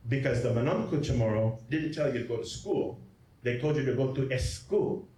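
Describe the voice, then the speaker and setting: A man's voice: mid-range voice, normal speed, warm tone. A man, a priest, giving a lecture at a symposium in a jokey, digressive way, often checking in with his audience by asking "okay?" and "right?". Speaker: priest giving a genealogy talk. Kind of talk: lecture presentation. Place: hall at a symposium. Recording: echoey hall, from far off, faint noise.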